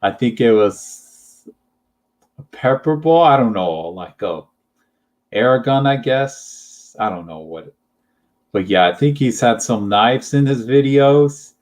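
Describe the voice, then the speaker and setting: Slow rambling young man. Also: mid-range voice, animated, darkish tone. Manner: hesitant, rambling, many fillers and giggles. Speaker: channel host. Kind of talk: casual chat.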